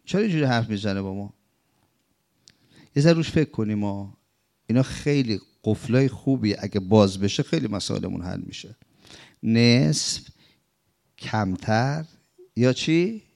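A man teaching a sermon-style commentary on scripture, asking rhetorical questions and swinging between emphatic high phrases and low murmured ones. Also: gravelly, darkish tone. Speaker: religious teacher.

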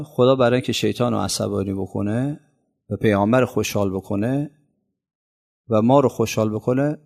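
Guy preaching, gravelly voice, goes loud then drops real quiet, mid pitch. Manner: storytelling with swings between loud emphasis and quiet low asides. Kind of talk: sermon.

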